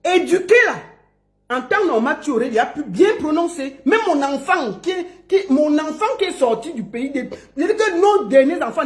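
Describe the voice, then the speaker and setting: A woman delivers a mocking rant to her online audience, stretching out syllables like a teasing schoolteacher. Her voice sits high and swings widely in pitch. The sound rings in an echoey room. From Cameroon. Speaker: online commentator. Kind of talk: mocking live-stream rant.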